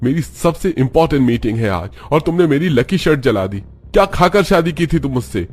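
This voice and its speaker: Man doing an angry shouting young husband. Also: mid-range voice, normal speed, voice pushed up, lightly acted. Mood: furious. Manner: yelling, accusing. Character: short-tempered young husband, shouting and sulky.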